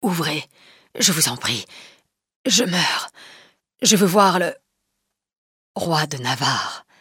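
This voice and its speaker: A woman's voice: sits low, animated, slow, sharp tone, breathy edge, no echo, studio quality, full character voice. A woman voicing a wounded young male nobleman who pleads weakly in a storybook reading. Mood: pleading. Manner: weak, pleading.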